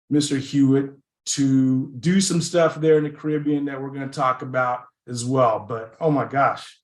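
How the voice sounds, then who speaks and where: Effusive man hosting in a roomy space. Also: on the high side. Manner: effusive, rambling, repeats "oh my gosh". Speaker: podcast host. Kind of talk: interview host. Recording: roomy echo.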